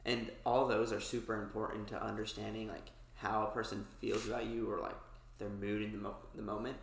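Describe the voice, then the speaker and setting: A man in a casual group discussion who grows animated when making a point. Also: lowish voice, a little fast, vocal fry, slight background noise. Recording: echoey room.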